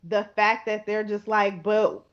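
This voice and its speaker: A woman's voice: mid-range voice, animated, a little slow. Enthusiastic woman teacher, lo-fi sound. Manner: enthusiastic, laughs, quotes her students. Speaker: podcast co-host and teacher. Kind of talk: casual podcast chat.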